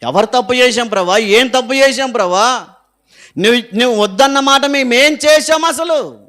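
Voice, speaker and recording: [name], a preacher voicing a pleading, grieving leader. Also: male voice, extremely high pitch, normal speed, pushed and bright. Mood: protesting. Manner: crying, pleading, rhetorical questions.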